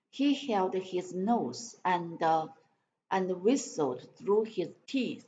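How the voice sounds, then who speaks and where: A woman's voice: on the low side, darkish tone. A woman practising English aloud, stumbling over words and repeating them as she sounds them out, with spoken translations. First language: Chinese. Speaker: English learner reading aloud. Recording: dull lo-fi live-stream audio with faint noise.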